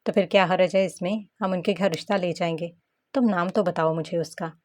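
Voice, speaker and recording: A woman's voice: on the low side, steady tone, brisk, darkish tone, no echo, studio quality, close to an everyday voice. A woman reading the lines of a bold, teasing younger sister in an audiobook story. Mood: coaxing. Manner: coaxing and scolding.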